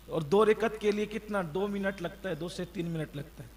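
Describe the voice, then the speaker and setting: Man, preacher, high voice, exhorting sermon, long hall reverb. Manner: exhorting, rhetorical questions, chants the creed slowly. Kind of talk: Ramadan sermon.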